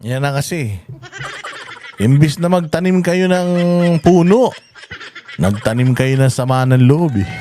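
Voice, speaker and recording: A man's voice: expressive, a little slow, long pauses, mellow, a little hiss or hum. Chuckling man giving casual commentary. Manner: chatty, chuckling, swinging pitch. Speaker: political commentary vlogger.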